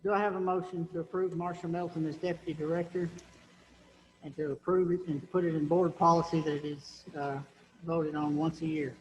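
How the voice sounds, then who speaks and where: Chairman guy calling motions, kinda flat, far off in an echoey room. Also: fairly high pitch, brisk, a little hiss or hum. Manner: brief, procedural. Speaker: board chairman. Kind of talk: chairing a meeting. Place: board meeting room. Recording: distant, reverberant meeting room audio with faint ambience.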